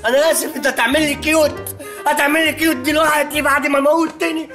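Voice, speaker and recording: Stoned, panicking egyptian young guy, high bright whiny voice, fast gasping, faint music. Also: little pitch movement. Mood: panicked. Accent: Egyptian Arabic. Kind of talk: sitcom acting.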